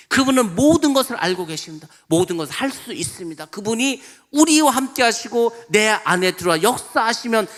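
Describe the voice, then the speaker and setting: A man's voice: high-pitched, fairly bright tone. A male pastor preaching a sermon in an emphatic way, often acting out quoted voices.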